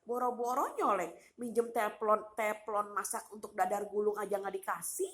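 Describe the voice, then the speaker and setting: A woman's voice: medium pitch, moderate pace, fairly bright tone. A woman vlogger rants to her viewers about a cruel relative, repeating herself, firing off rhetorical questions and using casual street slang. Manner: aggrieved, repetitive venting straight to viewers. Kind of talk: eating vlog with a personal rant.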